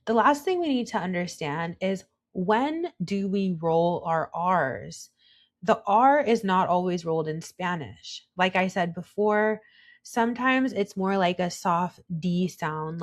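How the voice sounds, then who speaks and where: A young woman leads a calm pronunciation tutorial in an unhurried, slightly low voice. She is patient and encouraging, and she models each sound slowly and carefully. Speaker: Spanish teacher.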